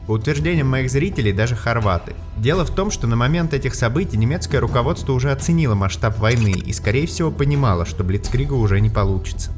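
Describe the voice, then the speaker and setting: A man presenting scripted history narration with explanatory, opinionated commentary. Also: medium pitch. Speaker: history channel host and narrator. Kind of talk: scripted documentary-style narration. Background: background music.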